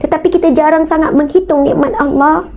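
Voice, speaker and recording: A woman religious teacher with a Malaysian Malay accent gives a storytelling sermon, speaking to her listeners directly. Her voice sits high, earnest and emotional. The recording is dull and lo-fi. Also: fairly even intonation, a little fast. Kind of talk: storytelling religious talk to an audience.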